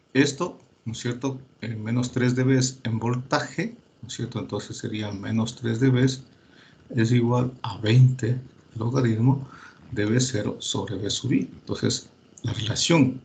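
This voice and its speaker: A male teacher lectures in an ordinary middle pitch, his voice gravelly, a little mellow, and a little slow. He works patiently through the calculations with frequent fillers and restarts, often asking if students are following and urging them to check the results themselves.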